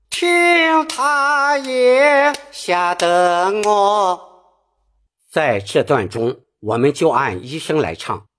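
A man teaches Peking opera singing at an unhurried pace, patiently explaining each phrase before he sings it. His voice is a little husky, and his pitch moves freely as he explains. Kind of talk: spoken singing lesson.

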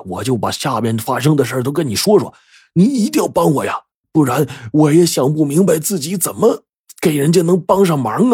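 A man's voice: mid-range voice, darkish tone, slightly rough, no room sound, clean studio sound, pitched above the performer's own voice. A man voicing an anxious, simple-minded village man who stammers and pleads earnestly in an audiobook. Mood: pleading. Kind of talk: audiobook character voice.

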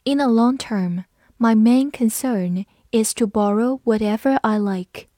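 A woman's voice: fairly high pitch, unhurried, warm tone, dry recording, studio quality. A woman teaching English vocabulary. She reviews it word by word, saying each word twice and then listing its parts of speech and meanings.

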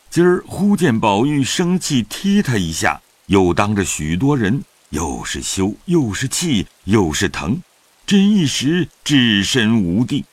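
A man narrating a classic novel in an audio drama, in an expressive storytelling manner. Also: medium pitch, slightly rough, no room sound.

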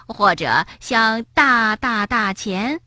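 A woman's voice: fairly high pitch, lively intonation, slow pace, pushed and bright, dry recording, clean studio sound, voice pushed up, heavily acted. A woman voicing a carefree young frog in a children's story, exclaiming in wide-eyed wonder. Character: carefree, dreamy young frog, easily impressed.

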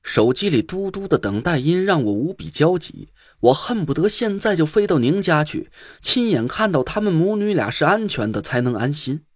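Husky, animated male audiobook narrator. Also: a little high, normal speed, few pauses, dry recording, clean studio sound. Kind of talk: first-person audiobook narration.

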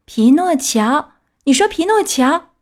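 A woman voicing a young wooden puppet boy in an audiobook, pleading in a high wailing voice. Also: sing-song, takes it slowly, darkish tone, exaggerated voice. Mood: eager. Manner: high wailing, sobbing pleas. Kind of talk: audiobook character voice.

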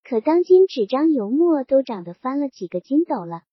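A woman's voice: sits high, big pitch swings, moderate pace, no room sound. A woman reading the lines of an earnest, plain-spoken male print-shop owner. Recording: dull, dry audiobook recording.

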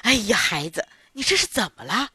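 A woman voicing a kindly, fussing grandmother over 60 in a children's story, gently scolding her daughter. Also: on the high side, wildly swooping pitch, fairly quick, slightly rough, no room sound, clean studio sound, heavily acted.

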